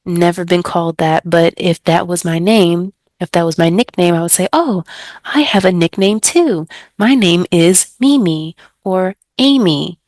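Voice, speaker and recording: Young American woman, ESL tutor giving chatty how-to tips; lower voice, dry sound. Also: a little slow, no echo. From United States. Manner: chatty, acts out student exchanges in a brighter voice. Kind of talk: teaching tips to other tutors.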